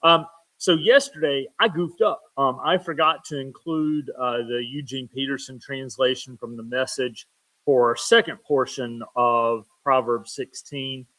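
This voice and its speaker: A man as pastor giving a casual devotional video, relaxed and self-deprecating, with many filler ums, reading Bible passages aloud. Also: mid-range voice, measured pace, poor audio. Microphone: talking to camera for a video.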